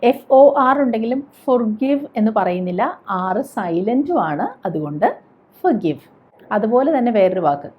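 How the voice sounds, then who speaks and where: A woman from Kerala leads a pronunciation lesson and says each example word again slowly and carefully. Her voice sits at a middle pitch. The recording sounds a little dull and lo-fi. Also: lively intonation. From Kerala, India. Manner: slow, careful repetition of example words. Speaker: English teacher.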